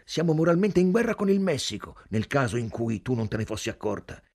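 A man's voice: mid-range voice, very animated, a little fast, a little mellow, slightly rough. A man voicing a sardonic, talkative reporter. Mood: ironic. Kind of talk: audiobook reading.

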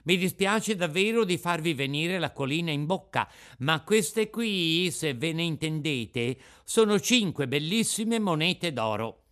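A man voicing an eager, boastful boy puppet in an audiobook, with an excited, raised voice. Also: a little high, measured pace, few pauses, voice pushed up. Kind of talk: audiobook character voice.

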